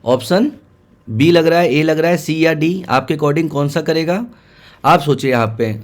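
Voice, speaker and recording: A man's voice: fairly high pitch, unhurried. A man teaching, walking students through exam questions and repeating key points as he mixes in English terms.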